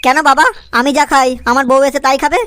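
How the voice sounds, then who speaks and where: A woman's voice: sits high, flat delivery, fast talker, a bit bright, a little hiss or hum. Woman voicing a whiny, cheeky cartoon son. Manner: whiny and cheeky, corrects his father's English. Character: lazy whiny young man pestering his father. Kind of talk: cartoon comedy voice acting.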